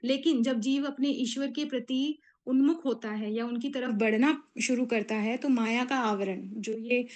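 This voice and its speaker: A woman speaks in a slightly high voice as she gives a devotional discourse. She explains each point at a measured pace, pausing often and using fillers as she gathers her thoughts. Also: steady tone, darkish tone. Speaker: spiritual speaker.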